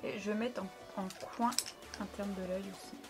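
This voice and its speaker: A woman's voice: mid-range voice, fairly even intonation, moderate pace, loud music behind the voice. A young woman chatting casually through a makeup review, frank and playful, talking at close range to her camera. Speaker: beauty vlogger.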